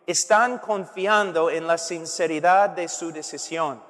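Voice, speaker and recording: A man's voice: fairly high pitch, a little slow, a bit bright. A middle-aged male preacher delivering an earnest, emphatic sermon, heard in a reverberant hall.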